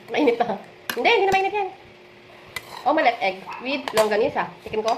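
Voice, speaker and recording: A woman's voice: high-pitched, big pitch swings, a little fast. A woman speaking as a mother, chatting casually in a home cooking vlog. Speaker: mother cooking with her child. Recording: roomy echo, loud household noise.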